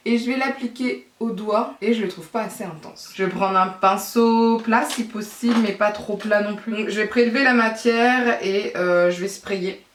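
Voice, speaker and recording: A woman's voice: medium pitch, slight background noise. Woman, beauty vlogger, chatty makeup tutorial, distant mic, echoey room. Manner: chatty, thinking aloud with fillers and asides.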